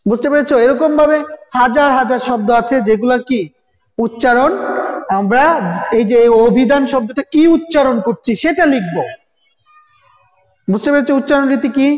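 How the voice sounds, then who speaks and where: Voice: sits high, moderate pace, long pauses, faint music behind. A teacher giving a recorded grammar lesson, constantly asking students rhetorical questions and repeating sounds. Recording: echoey room with long reverb.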